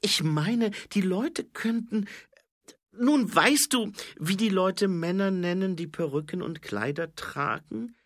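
Man doing a guarded young woman sergeant: quiet, hesitant, husky. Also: high-pitched, slow pace, no room sound, studio quality, voice pushed up, exaggerated voice. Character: guarded young female watch sergeant, werewolf.

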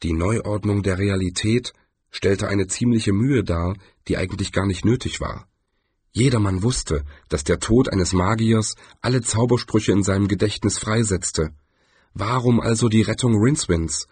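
A man reading a fantasy novel aloud in measured, low-key scripted narration, close to the mic. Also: a little mellow, slightly rough, no room sound. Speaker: audiobook narrator.

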